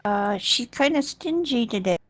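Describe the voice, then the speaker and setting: A woman playing a friendly, down-to-earth gatherer who chats in a folksy, halting way in a role-play game. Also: fairly high pitch, lively intonation, soft background music. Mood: friendly, rambling. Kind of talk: improvised in-character role-play chat.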